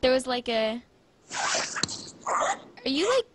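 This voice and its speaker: A woman's voice: sits high, expressive, slow pace, a little hiss or hum. A young woman chatting casually with her father, asking him eager questions. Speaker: daughter of the host. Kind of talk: casual chat.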